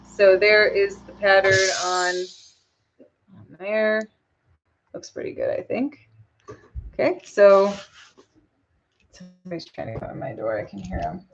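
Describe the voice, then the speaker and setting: A woman's voice: mid-range voice, measured pace, gravelly, long pauses, slight background noise. Woman host, live painting demo, casual chatty delivery, mid-range voice, dull lo-fi sound. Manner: relaxed and chatty, frequent ums, answers viewer questions. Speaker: custom lure painter hosting a live stream. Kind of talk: live painting tutorial, thinking aloud.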